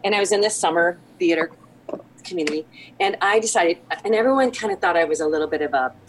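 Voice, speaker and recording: A woman's voice: on the low side, quick pace. Middle-aged lady telling a wild story, voice swooping all over, laughing, noisy line. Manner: lively, laughing, acts out quoted lines. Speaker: podcast guest, theater artistic director. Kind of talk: animated storytelling.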